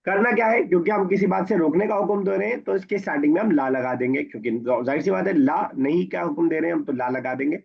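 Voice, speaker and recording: Gravelly man teaching a grammar class. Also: a little high, quick pace, few pauses. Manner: patient, repeats points and quizzes students. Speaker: Arabic teacher. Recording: dull lo-fi recording.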